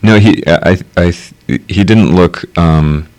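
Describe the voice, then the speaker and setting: A man's voice: sits low, takes it slowly, darkish tone. A man chatting casually as a radio guest, rambling with lots of fillers and restarts. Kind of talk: casual conversation.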